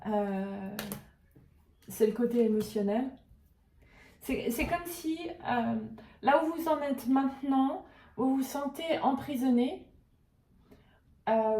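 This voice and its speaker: A woman's voice: a little high, mellow. A woman giving an intuitive tarot and oracle reading, speaking hesitantly and searching for words with many fillers. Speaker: tarot and oracle card reader. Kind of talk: intuitive card reading to camera. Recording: roomy echo, voice a little far from the mic.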